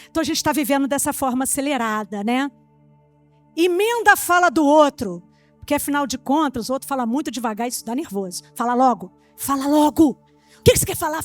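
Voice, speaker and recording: An older woman with a Brazilian Portuguese accent preaching a sermon in church, telling lively stories and acting out dialogue. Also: high-pitched, no room sound.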